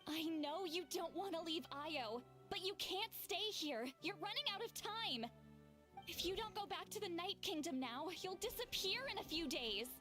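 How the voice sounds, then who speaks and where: A determined young heroine from a video game, speaking in a high, earnest voice. Her delivery is firm and resolute. Faint game music sits behind her. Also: animated, normal speed.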